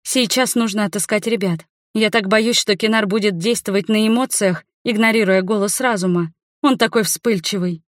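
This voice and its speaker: A woman's voice: mid-range voice, moderate pace, no room sound, natural voice. A woman playing a fiery anxious young heroine in a fantasy storybook, raised voice, dry close sound. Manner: agitated, shouting in anger.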